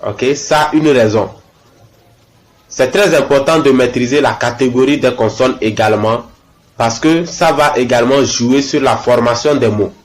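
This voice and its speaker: A man teaching a language lesson, spelling out letters and example words slowly and saying each twice, often checking in with "ok?". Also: mid-range voice.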